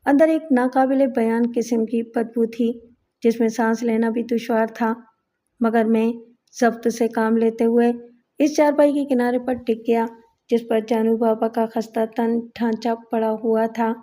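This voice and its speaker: A woman narrating a crime thriller novel as an audiobook, in measured, literary storytelling. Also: a little high, flat delivery, warm tone.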